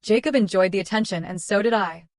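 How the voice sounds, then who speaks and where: A woman giving scripted first-person narration of a story in an even, measured way. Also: medium pitch, no room sound, studio quality.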